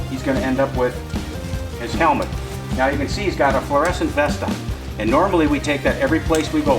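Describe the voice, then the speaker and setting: A man's voice: mid-range voice, echoey room, recorded from a distance, low-quality recording. A man, a firefighter, patiently explaining gear step by step to children. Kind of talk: fire safety demonstration for children.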